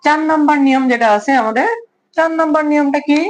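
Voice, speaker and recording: A man teaching a class, who asks his students questions and then repeats each answer slowly. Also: very high-pitched, rough recording. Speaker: language teacher. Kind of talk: online class lesson.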